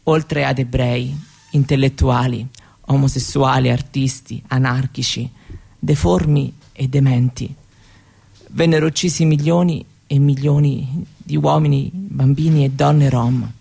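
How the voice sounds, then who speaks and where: A grave, sorrowful monologue: an actress as a young Roma woman shyly, hesitantly recounts her grandmother's story, told conversationally as testimony. The voice is extremely low and a little slow, gravelly yet warm, slightly rough and exaggerated, with fairly even intonation.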